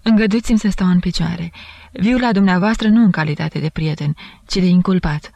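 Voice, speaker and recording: A man's voice: sits high, vocal fry, no room sound. Woman reading as a grave confessing doctor. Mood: grave, solemn. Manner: solemn, formal, flat. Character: grave, pale middle-aged male doctor confessing.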